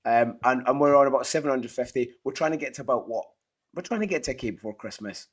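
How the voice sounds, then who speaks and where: His voice worn hoarse and partly lost from shouting, a Scottish-accented podcast host from Scotland rambles through a casual fantasy football chat. He sounds matey and enthusiastic, with a middling pitch and a quick pace.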